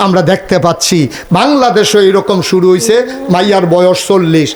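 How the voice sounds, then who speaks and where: A male preacher, telling a humorous village sermon with acted dialogue and sudden high shouts. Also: brisk.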